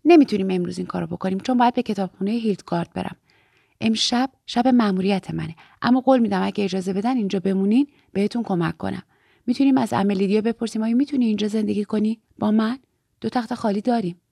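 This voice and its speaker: A woman's voice: mid-range voice, gravelly, mellow, breathy edge, no room sound, studio quality. A woman reading as an earnest teenage girl in religious training, eager and confiding, sometimes dropping to a whisper. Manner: eager, confiding, drops to a whisper when fearful.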